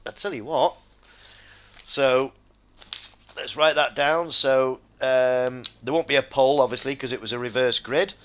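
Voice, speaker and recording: Hoarse and straining, a middle-aged man calls a sim race on his live stream in a medium-pitched voice at a slightly slow pace. He shifts back and forth between thrilled play-by-play and meandering talk with his audience.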